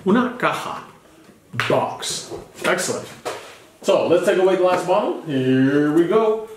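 A man's voice: a little high, lively intonation, slow. A man teaching a child English vocabulary in a patient, bilingual one-on-one lesson, switching between English and Spanish and spelling words out letter by letter. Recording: echoey room with background noise.

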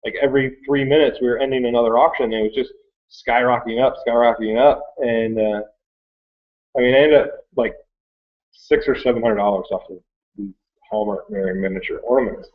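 A man in his thirties from Michigan, United States, with an American accent, tells his story as an online reseller in a rambling, casual, conversational way. His mid-range voice is steady and brisk, captured in thin, phone-like webcam audio from a small, cluttered indoor workroom.

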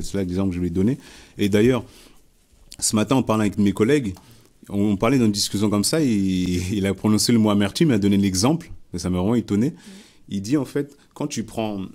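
Low, mellow-voiced man preaching casually. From France. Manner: conversational, repeats words and restarts often. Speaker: Bible study leader. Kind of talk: informal preaching and testimony.

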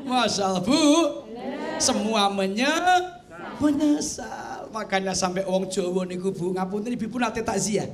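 A man's voice: sits high, unhurried, crowd noise. A man with a Javanese accent preaching a humorous sermon as kyai, chatting with and teasing his audience. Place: TV studio with audience. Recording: audience noise behind.

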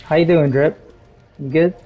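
A man's voice: fairly high pitch, steady tone, normal speed, warm tone, a little hiss or hum. A man in casual, profane gaming chat, trash-talking other players. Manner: taunting, profane. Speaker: gamer, channel player.

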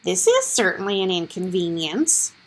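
A woman's voice: lowish voice, huge pitch swings, moderate pace, a bit bright, breathy edge, full character voice. A woman voicing a lazy male glowing bug with a whiny, complaining manner. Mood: peevish.

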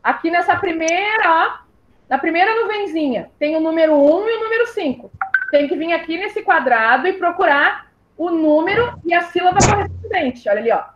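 A woman's voice: extremely high pitch, expressive, lo-fi sound, noisy background. A woman teacher, patiently leading young children through syllables in an online class. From southern Brazil. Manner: patient, spells out syllables slowly, calls pupils "my love". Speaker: primary school teacher.

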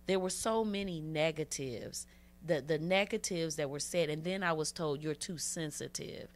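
Low-voiced woman giving earnest testimony. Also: normal speed, soft background music. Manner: earnest and heartfelt, repeats phrases for emphasis. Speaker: interview guest, abuse survivor. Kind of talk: personal testimony in an interview.

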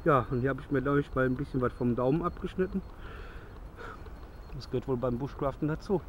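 A man's voice: medium pitch, a little fast, a little hiss or hum. A man in his thirties casually demonstrating gear outdoors in the woods at dusk, chatty and rambling, correcting himself as he goes, recorded close on a handheld camera. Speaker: bushcraft vlogger.

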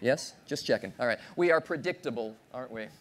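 Animated man giving a lively keynote. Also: medium pitch, a little fast. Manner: animated, playful, audience-engaging, acts out voices. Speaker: keynote speaker. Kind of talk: motivational keynote speech. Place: large conference stage with audience.

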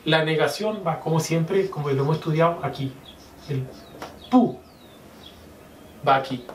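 A man explains Chinese grammar in a patient teaching manner, pausing to repeat example phrases slowly. His voice sits a little high. The sound is roomy and echoey, with the mic some distance away and a faint hiss behind. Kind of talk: whiteboard lesson explaining grammar.

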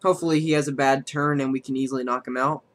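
A man streaming a card game, thinking aloud about his moves and counting damage out loud as he plays. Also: mid-range voice, steady tone, rapid-fire. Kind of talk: live gameplay commentary.

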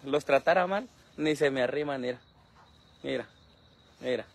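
A man's voice: mid-range voice, normal speed, creaky. A man, filming himself outdoors at night on a phone held at arm's length, complaining in an aggrieved, repetitive way. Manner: aggrieved, repetitive, talks to his dog. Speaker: social media creator. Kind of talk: selfie video rant.

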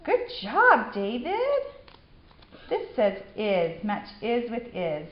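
A young woman patiently teaching her son sight words, giving steady praise. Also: medium pitch, slow pace. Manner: encouraging, patient, repetitive praise. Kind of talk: one-on-one reading drill. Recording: echoey room, slightly dull home video.

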